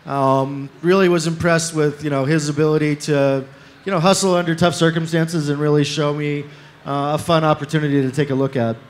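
Measured male investor on a panel. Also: fairly high pitch, steady tone. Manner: measured, many fillers. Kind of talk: panel discussion. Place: stage in a large tent with an audience. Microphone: handheld mic.

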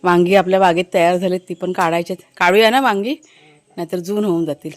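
A woman's voice: fairly low pitch, fairly even intonation, fast talker, soft background music. A woman with a Konkan Marathi accent, chatting casually as she shows viewers around her village home and garden. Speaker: family vlogger. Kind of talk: casual village vlog narration.

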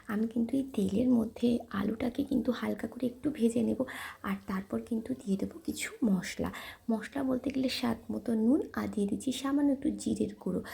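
A woman's voice: a little high, gravelly, mellow. A woman hosting a home cooking tutorial, talking chattily to viewers as friends, often dropping to a half-whisper, with many fillers. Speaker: cooking channel host.

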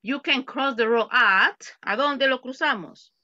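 A woman's voice: sits high, slow pace, bright, forceful tone, dry recording, dull audio. A woman teaching an online English class in Spanish, patiently repeating words and examples for her students. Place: home. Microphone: computer mic on a video call.

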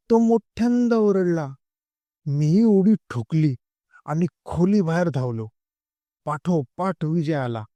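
Slow, dark-toned male storyteller. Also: a little high, no room sound. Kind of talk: Marathi comic storytelling.

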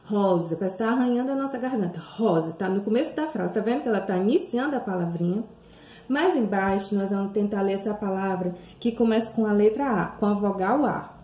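A Brazilian woman teaching young children, drawing words out slowly and sing-song, with many questions to the class. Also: medium pitch, mellow. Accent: Brazilian Portuguese. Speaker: primary school teacher. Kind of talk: remote lesson for young children. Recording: echoey room.

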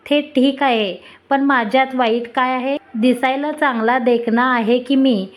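A woman's voice: high-pitched, steady tone, measured pace. A woman storyteller voicing a boastful, wealthy young man. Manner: swaggering.

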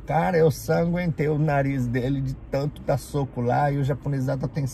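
Gravelly-voiced Brazilian man telling a story. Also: mid-range voice, moderate pace, a little hiss or hum. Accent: Brazilian Portuguese. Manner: animated, acts out the people in his stories. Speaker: vlogger. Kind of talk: casual storytelling.

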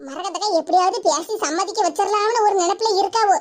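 A woman with a Tirunelveli Tamil accent voicing the chatty, teasing older women of an animated cartoon. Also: extremely high pitch, quick pace.

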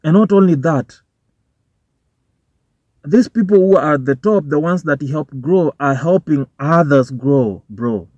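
Slightly high and a little mellow, this young Kenyan vlogger's voice keeps a measured pace as he talks casually into a dashboard phone or camera in a parked car. He swears and mixes English with Swahili slang, his Kenyan accent clear. The car recording is dull and dry, with no echo.

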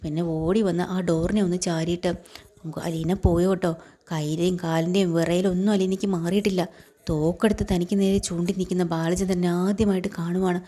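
A woman's voice: lowish voice, flat delivery, brisk, warm tone. A woman retelling a TV serial episode in a conversational way, briefly voicing the characters' lines as she goes. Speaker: storyteller.

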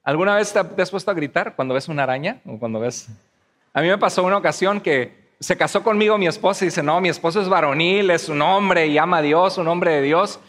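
High-voiced pastor, animated and lively. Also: male voice, a little fast. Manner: animated storyteller, acts out voices and screams. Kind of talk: sermon. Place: church hall. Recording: long hall reverb.

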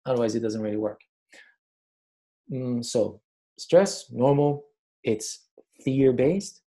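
A man's voice: medium pitch, warm tone. A middle-aged man leading a stress workshop in a casual, emphatic way, often repeating phrases for emphasis. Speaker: workshop presenter. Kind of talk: motivational workshop talk.

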